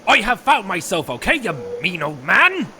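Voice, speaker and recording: A man's voice: sits high, sing-song, normal speed. A man voicing a blustering, defensive, theatrical wizard groundskeeper in a parody cartoon. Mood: indignant. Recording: noisy recording.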